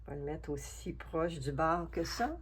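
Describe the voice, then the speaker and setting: A woman's voice: deep voice, expressive, normal speed, slightly rough. A woman with a Québécois French accent chatting casually as she makes a collage, thinking aloud to herself and her viewers. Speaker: collage artist. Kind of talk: casual craft vlog, talking while working.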